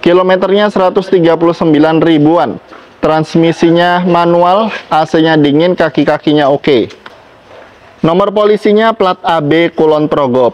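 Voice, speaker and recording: A man pitches used cars like a practised salesman, talking up one selling point after another. His voice sits a little high for a man. The recording is slightly dull and lo-fi. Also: a little mellow. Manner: salesmanlike, talking up each feature. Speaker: used car seller presenting stock. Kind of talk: sales walkaround presentation.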